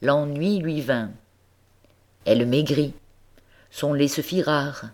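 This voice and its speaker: Woman narrator, storytelling, gentle, expressive, unhurried. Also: deep voice. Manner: gentle, expressive, addresses the listener. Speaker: audiobook reader.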